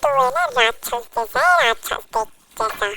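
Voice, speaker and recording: A woman's voice: extremely high pitch, wildly swooping pitch, normal speed, creaky, very noisy, voice pushed up, full character voice. A woman voicing a cheeky boy who keeps apologizing to his angry friend in a game roleplay. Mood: pleading. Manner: wheedling, repeated apologies. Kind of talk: Hindi game roleplay voiceover.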